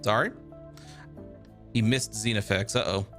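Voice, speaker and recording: A male streamer reading a video game's text aloud with a steady storytelling delivery. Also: on the low side, unhurried, soft background music.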